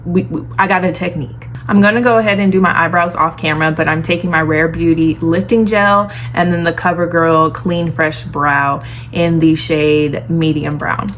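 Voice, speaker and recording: A woman with a fairly low voice chats through a makeup tutorial as if to girlfriends. Her retainer gives her speech a lisp. There is clear background noise in the recording. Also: fairly even intonation, normal speed. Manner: girly, familiar asides to viewers. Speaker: beauty vlogger. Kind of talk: casual chatty makeup tutorial.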